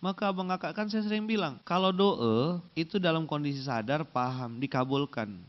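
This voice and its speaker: A man preaching a sermon in a casual, lively way, slowly chanting Arabic verses and acting out prayers and haggling. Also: on the high side. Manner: addresses listeners directly, casual and lively. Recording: dull reverberant hall sound.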